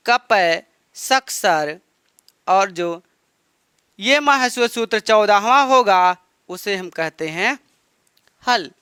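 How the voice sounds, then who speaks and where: A male teacher giving a slow exam-prep lecture, repeating each item and quizzing his students. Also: sits high, pushed and bright, clear, resonant tone, no echo, clean studio sound.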